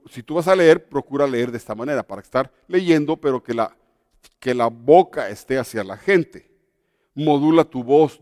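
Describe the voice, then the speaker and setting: A male pastor leads a Bible study with animated, emphatic delivery. His voice sits fairly high for a man. It carries a long church-hall reverb over a dry, close pickup. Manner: animated, emphatic reading with pauses for commas.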